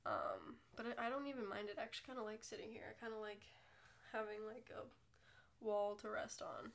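A young woman with a mid-range, creaky voice hosts her own podcast, talking a little fast and expressively over slight background noise. She's congested from a cold and chats casually in a rambling, self-deprecating solo episode.

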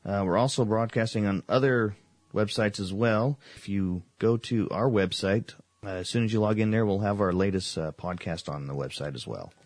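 A man's voice: on the low side, moderate pace, no room sound. A man hosting a paranormal radio show, talking casually. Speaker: host of a paranormal radio podcast.

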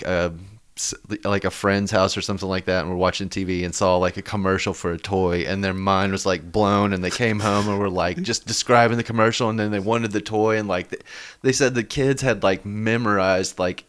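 A man co-hosting a casual chat show, animated and full of filler words. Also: fairly low pitch, fairly quick, smooth. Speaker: podcast co-host.

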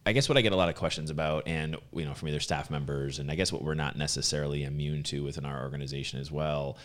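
Male podcast host with a rumbling, very low voice, natural unscripted delivery, conversational and rambling while explaining. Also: fairly even intonation, fast talker. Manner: conversational, rambling, acts out example remarks.

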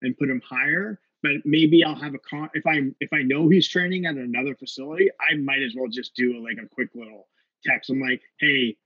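A man's voice: medium pitch, fairly quick, slightly rough, dry recording, highs cut off. A man in his late thirties, a jiu-jitsu instructor, talking casually on a podcast and rambling with many fillers and restarts. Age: 30s.

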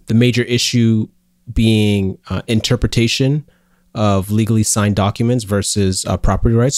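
A man co-hosting a casual podcast, talking in a halting way with many fillers and restarts. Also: medium pitch, a little mellow, dry recording, studio quality. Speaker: podcast co-host.

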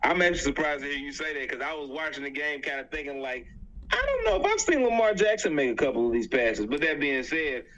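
Fast-talking man arguing his point. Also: fairly high pitch, very animated, muffled recording, crowd noise. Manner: quick, argumentative. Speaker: podcast co-host. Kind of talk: casual sports debate.

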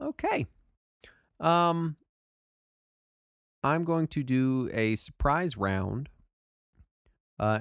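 A man's voice: medium pitch, dry recording, studio quality. A man narrating a tabletop game as game master, often laughing and joking with a player. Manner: laughing, playful, lively.

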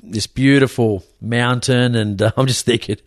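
A man's voice: medium pitch, fairly even intonation, normal speed, dry recording, studio quality. An Australian man hosting a podcast, chatting casually in a blokey, matey, rambling way. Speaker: podcast host. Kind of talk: casual interview chat.

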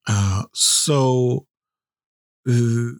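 A man's voice: mid-range voice, extremely slow, no echo, clean studio sound. A man hosting a podcast who tells blunt, heavily profane personal stories and laughs at himself. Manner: self-deprecating, with frequent restarts. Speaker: podcast host. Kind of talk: candid personal storytelling.

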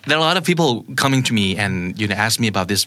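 A Thai man teaching English pronunciation, explaining in Thai and slowly modelling English words for the learner to repeat. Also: medium pitch, lively intonation, sharp tone. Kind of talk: bilingual pronunciation lesson.

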